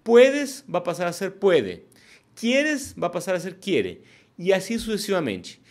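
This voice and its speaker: With a high, unhurried voice, a man leads a relaxed online Spanish class, breaking points down step by step and frequently checking "ok?" with his learners.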